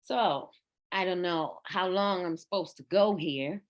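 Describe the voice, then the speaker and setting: A woman speaking at a recovery forum, a former treatment nurse who talks earnestly and deliberately, pausing to find her words. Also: fairly low pitch. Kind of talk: personal talk at a recovery forum.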